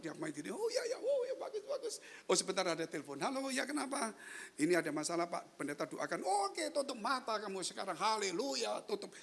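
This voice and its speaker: A man's voice: sits high, a bit bright. Man preaching in a chatty, direct way. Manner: conversational preaching, often addressing listeners directly. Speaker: pastor. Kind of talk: sermon.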